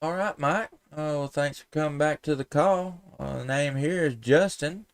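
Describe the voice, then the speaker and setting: A slightly high male voice at normal speed comes through a noisy background. He's an amateur radio operator from southern Middle Tennessee on a live stream, folksy and courteous, doing ham calling and casual contacts with radio jargon and spelled-out call signs.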